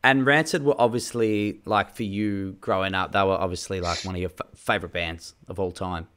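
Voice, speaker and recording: A man's voice: sits low, steady tone, fairly quick, fairly bright tone, clear, resonant tone. A man hosting an interview, chatting casually and reacting with enthusiasm. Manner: enthusiastic, slangy, brief reactions. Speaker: podcast host.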